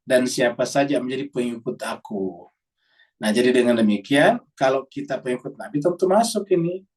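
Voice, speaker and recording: A man's voice: medium pitch, distant mic. A man teaching a religious lesson on scripture, explaining patiently and asking himself rhetorical questions before answering them. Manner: steady, patient explaining with frequent "ya" fillers. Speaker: Quran teacher.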